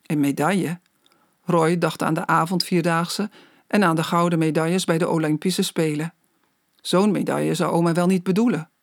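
An audiobook narrator reading a children's story aloud in a slow, measured way. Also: mid-range voice, steady tone, no echo, clean studio sound.

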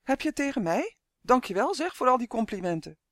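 A man voicing a cheeky little male elf who chatters on quickly. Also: high voice, animated, no echo, studio quality. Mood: teasing.

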